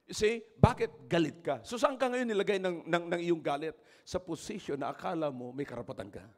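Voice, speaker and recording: Filipino pastor guy preaching in church, super high pitched, shouts and calls out to the crowd. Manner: switches between English and Tagalog, calls out to congregation; loud, dramatic preaching with shouting peaks. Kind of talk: sermon.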